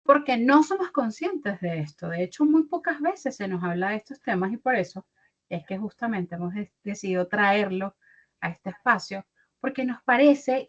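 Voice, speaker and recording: A young adult woman, giving an online mentoring talk as a career mentor and acting out little dialogues. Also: mid-range voice. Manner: animated, acts out little dialogues. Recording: dull lo-fi audio.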